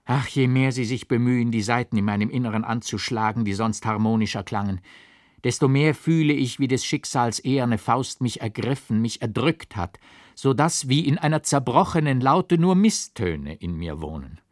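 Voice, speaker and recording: A man's voice: medium pitch, lively intonation, moderate pace, no room sound, studio quality, close to an everyday voice. A man reading the part of a tormented young nobleman in an audiobook, with a dull, hollow voice and anguished outbursts. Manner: anguished outbursts, bitter mocking cries.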